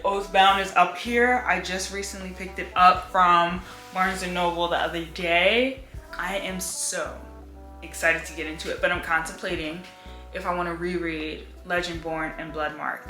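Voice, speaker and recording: A woman's voice: on the low side, pushed and bright. A young woman chatting casually about books in a home room, filling her talk with "like.". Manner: chatty, lots of "like" fillers. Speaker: book vlogger. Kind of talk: casual chat. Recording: echoey room with faint music.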